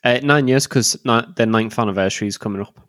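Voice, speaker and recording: Co-host, young man, relaxed questioning manner, dry close-miked voice. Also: lowish voice, quick pace, dry recording. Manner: easygoing, asks questions, dry remarks. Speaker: podcast co-host. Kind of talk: casual gaming podcast chat.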